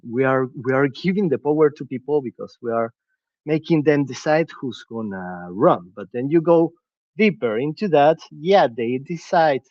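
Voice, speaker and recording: Earnest and reflective, this podcast guest from Venezuela hunts for words and restarts frequently as he talks conversationally. His voice is a little high, and the recording sounds dry and dull with no echo.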